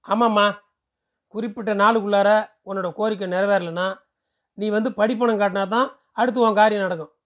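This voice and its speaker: A man voicing a pushy, smooth-talking male temple ticket seller who lectures briskly and persuasively. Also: sits high, close to an everyday voice. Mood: brisk lecturing.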